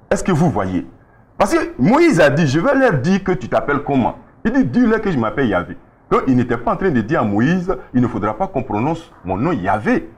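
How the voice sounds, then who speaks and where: A male preacher teaching a Bible lesson, explaining slowly and often checking that his listeners follow. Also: on the high side, slightly rough.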